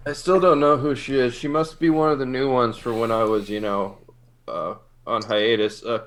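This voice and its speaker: A man's voice: mid-range voice, steady tone, normal speed. A man playing in a tabletop game, casually asking playful, joking questions. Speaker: player.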